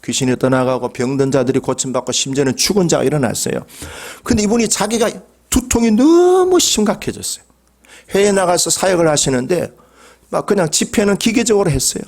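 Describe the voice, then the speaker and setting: A middle-aged man preaching a Sunday sermon as pastor, dropping to quiet asides and rising to emphatic calls, often asking the congregation questions. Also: big pitch swings, a little fast, vocal fry. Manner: swings between low quiet asides and raised emphatic calls.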